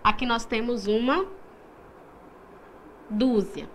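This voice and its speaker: High-voiced Brazilian woman teaching slowly. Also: slight background noise. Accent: Brazilian Portuguese. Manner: slow, clear, explanatory, stressing syllables. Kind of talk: recorded classroom lesson.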